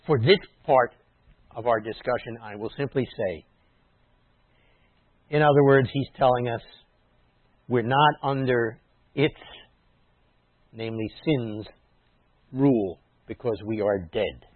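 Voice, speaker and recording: A man preaching a sermon in a teacherly way, explaining words and dropping into quiet asides. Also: mid-range voice, slow, pauses often, dry recording. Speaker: messianic rabbi preaching. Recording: dry tinny phone-like sound.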